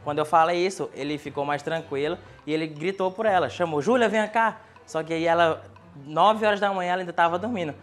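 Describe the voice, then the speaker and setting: A man doing stand-up storytelling on a TV show, animated and building comic tension. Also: fairly high pitch, fast. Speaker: stand-up comedy contestant. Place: TV studio.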